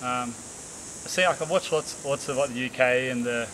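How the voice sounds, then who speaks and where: Young Australian bloke, casual vlogger, tired and relaxed, camera a few metres off, hissy outdoor audio with insects. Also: male voice, mid-range voice, normal speed, rough recording. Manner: relaxed, rambling, many fillers and restarts. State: tired after a hot hike. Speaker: bushcraft vlogger. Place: outdoors in the bush by rocks. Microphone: camera on a tripod a few metres away.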